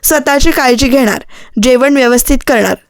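Storybook: woman reading as a stern young man, high bright tone, reproachful, dry close sound. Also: normal speed, no echo. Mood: earnest. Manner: reproachful, scolding questions. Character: angry protective young man, scolding.

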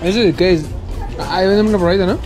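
A man's voice: high voice, quick pace, a crowd in the background. A Mexican man hosting a prank vlog in an ice cream shop and on city streets, brash and cheeky, filmed on an action camera. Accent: Mexican Spanish. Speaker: prank vlogger host.

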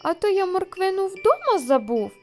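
A woman's voice: extremely high pitch, very animated, normal speed, darkish tone, faint music behind, pitched above the performer's own voice. A woman voicing an anxious, forgetful male hare in a children's story. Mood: worried. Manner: worried.

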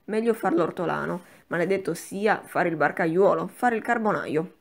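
A woman's voice: fairly low pitch, normal speed, vocal fry. A woman doing a defiant, hot-tempered young man. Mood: furious. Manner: curt, defiant, bursts into angry tirades.

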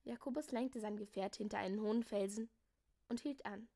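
A woman reading a children's novel aloud as a lively storyteller. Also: medium pitch, a little fast, creaky. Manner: lively storytelling, voices the characters. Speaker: reader.

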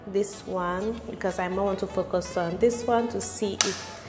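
A woman's voice: medium pitch, fairly even intonation, a little slow. A woman in her thirties chatting casually through a makeup tutorial and personal story, conversational and repeating phrases for emphasis. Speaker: beauty vlogger. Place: small bare-walled room indoors. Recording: echoey, reverberant room with music behind.

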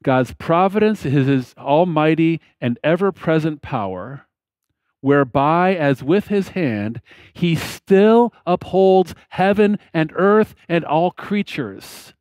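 A man in his fifties delivers a sermon at a slow, deliberate pace, leaning on pauses and letting his phrase ends drop away. His voice sits a little high for a man. The sound is dry and close from a headset mic. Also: expressive, a little mellow, smooth, dry recording. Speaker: pastor. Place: church platform behind a lectern, indoors.

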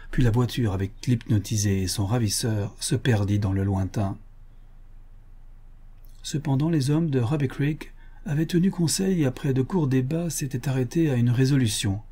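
Male audiobook narrator, dark mellow tone, steady storytelling. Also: mid-range voice, moderate pace, husky. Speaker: audiobook reader.

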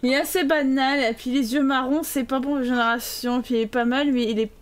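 High-voiced chatty woman streaming a game. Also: fairly even intonation, fairly quick. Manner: chatty, teasing and sarcastic toward viewers. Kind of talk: live gameplay commentary reading chat.

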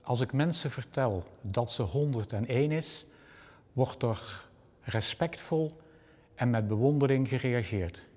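Calm, slow-speaking man giving a meditation. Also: mid-range voice, big-room sound. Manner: calm and reflective. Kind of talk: spoken meditation.

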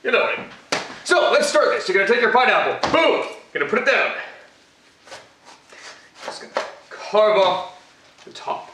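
A young man plays Batman as a cocky, boastful cooking show host in a comic demonstration, rambling with fillers in a home kitchen. His high-pitched voice is sing-song at a moderate pace with long pauses. A distant camera mic picks him up in the echoey room against a noisy background.

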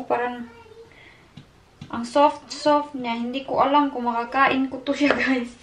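A woman, originally from the Philippines, chatting exasperated in a casual cooking vlog from her home kitchen. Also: sits high. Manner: chatty, code-switching, exasperated. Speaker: mother and family vlogger. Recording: echoey kitchen.

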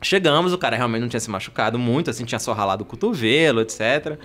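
A young man guesting on a podcast, telling a story in animated, excitable casual chat. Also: mid-range voice, very fast. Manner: animated, excitable, acts out scenes.

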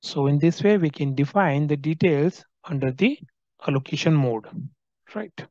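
A man walking through a software screen recording as a trainer, explaining each field and often checking in with "right?". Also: a little high, normal speed, no echo, lo-fi sound. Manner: explanatory, frequent tag "right?".

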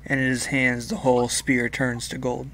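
A man's voice: medium pitch, monotone, normal speed, fairly bright tone, slight background noise, poor audio. A man working as game master, narrating and voicing characters with frequent hesitations.

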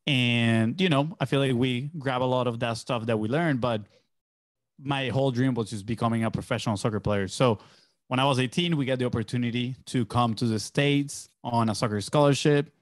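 A young Venezuelan man, a native Spanish speaker and agency entrepreneur, tells his story casually as a podcast guest in a small indoor home studio. He speaks in a mid-range voice into a close boom-arm microphone, wearing headphones. The sound is studio quality with no room sound.

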